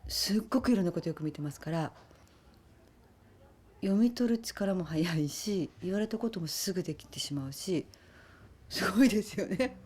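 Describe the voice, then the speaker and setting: A woman actress answering interview questions in a soft-spoken, thoughtful way. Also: on the low side, animated, moderate pace, pauses often, slight background noise. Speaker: actress interviewed about her film.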